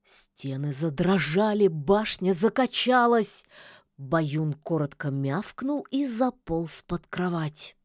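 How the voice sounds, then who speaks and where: Fairy-tale audiobook narrator, a woman, low and slow, expressive, dry studio sound. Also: no room sound. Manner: measured storytelling.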